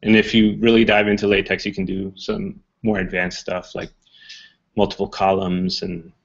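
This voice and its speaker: A man presenting a casual technical talk, relaxed, with many ums and uhs. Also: low voice, normal speed. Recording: muffled talk recording.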